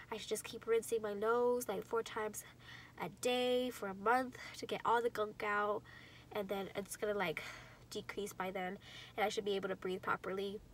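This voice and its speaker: Recovering from surgery, a young California vlogger chats casually about how she's doing, rambling with lots of fillers. Her mid-range voice sometimes sounds congested and occasionally drops to a whisper, with a slight hiss or hum in the audio.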